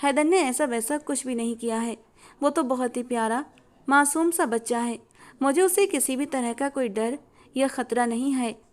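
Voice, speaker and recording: A woman voicing a gentle young caretaker who speaks softly and hesitantly. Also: sits high, moderate pace, natural voice. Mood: reassuring. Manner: soft, hesitant.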